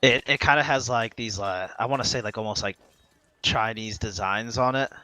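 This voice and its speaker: A man's voice: fairly low pitch, bright, forceful tone, no echo. A man running a tabletop game as game master, narrating and voicing a shopkeeper with lots of fillers and laughs. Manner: halting, filler-heavy, laughs often.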